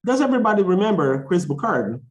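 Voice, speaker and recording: A very animated man with a high voice teaches an English conversation class at a quick pace. His lesson relies on simple explanations and repeated key phrases, and he uses check questions to make sure learners follow.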